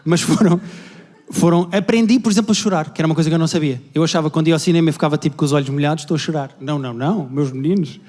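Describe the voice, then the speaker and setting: Fast-talking Portuguese stand-up comedian. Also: male voice, on the high side. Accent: European Portuguese. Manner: rapid, animated storytelling, acting out family members. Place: large indoor venue with a live audience. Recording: long hall reverb from a live venue.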